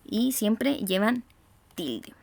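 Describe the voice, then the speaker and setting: A woman teacher with a Chilean accent giving a recorded grammar lesson, slowly stressing syllables and often checking in with her students. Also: mid-range voice, sing-song, creaky, darkish tone, no echo. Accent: Chilean Spanish. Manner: slow, emphatic stressing of syllables, frequent "¿cierto?" checks.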